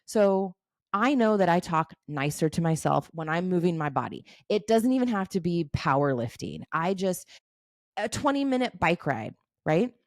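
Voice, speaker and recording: A woman's voice: medium pitch, no echo, clean studio sound. A woman in her forties, a coach giving a frank, casual talk about habits, swearing now and then and laughing easily. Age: 40s.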